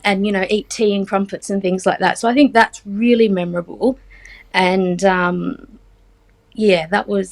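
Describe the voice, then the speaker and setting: An Australian woman in her forties talks as an interview guest. She is chatty and unhurried, with frequent ums and a light teasing humor. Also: medium pitch, gravelly. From Australia, Central West New South Wales. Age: 40s. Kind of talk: casual interview chat.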